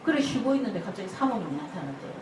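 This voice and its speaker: An older woman pastor, preaching an animated sermon full of stories, acting out church members' voices and laughing often. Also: mid-range voice, very fast. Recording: echoey hall from far off, noisy ambience.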